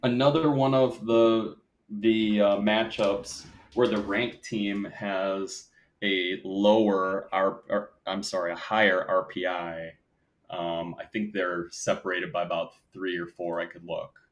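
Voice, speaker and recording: A man's voice: low-pitched, little pitch movement, slow pace, muffled recording. A man with a Wisconsin accent hosting a casual sports podcast, conversational, correcting himself and asking his guest questions. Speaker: podcast host.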